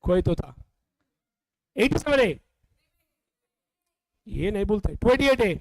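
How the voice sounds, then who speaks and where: A man from India runs a live class, quizzing students and scolding them playfully. His voice sits very high and he drills through points slowly. The sound is dry and close. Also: big pitch swings, vocal fry, no echo, rough recording. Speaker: teacher. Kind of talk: classroom revision lecture.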